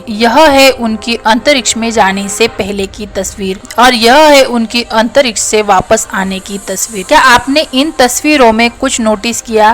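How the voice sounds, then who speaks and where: A woman's voice: on the high side, a bit bright. A woman narrating a facts video from a script, often putting questions to the viewer. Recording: music bed behind the voice.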